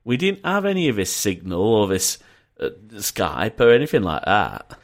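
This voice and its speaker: A man's voice: lowish voice, wildly swooping pitch, moderate pace. A man with a northern English accent from Yorkshire, hosting a casual podcast chat over an internet call, chatty and rambling with joking asides. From North of England. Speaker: podcast host.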